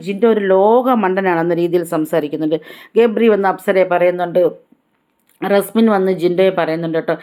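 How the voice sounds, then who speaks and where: A woman's voice: on the low side, a little mellow. A woman vlogger giving a chatty, casual recap of a reality show episode, retelling who said what. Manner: chatty, tag-heavy retelling.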